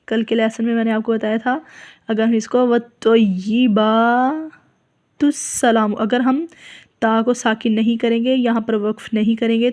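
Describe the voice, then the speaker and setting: Woman teaching recitation, slow modeled words. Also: on the high side, darkish tone. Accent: Pakistani Urdu. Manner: repeats words slowly to model pronunciation, then explains quickly; checks in often with a rhetorical "okay?". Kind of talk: tajweed lesson, explaining and modeling recitation.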